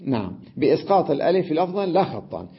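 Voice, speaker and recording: Male grammar teacher, slightly high husky voice, dull lo-fi lecture recording. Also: big pitch swings. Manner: explains step by step, often checking with "تمام؟"; repeats example words slowly to demonstrate. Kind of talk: classroom grammar lesson.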